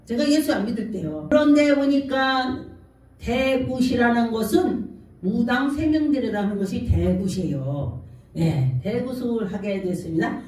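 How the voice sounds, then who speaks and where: A woman's voice: fairly high pitch, expressive, a little slow, a little mellow. A woman pastor preaching a sermon, telling stories and acting out the quoted speech. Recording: echoey hall from far off.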